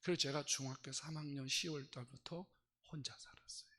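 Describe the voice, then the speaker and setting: A male pastor preaching a sermon, telling his story dramatically, dropping to hushed whispers and rising to loud outbursts. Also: medium pitch, fairly even intonation, brisk.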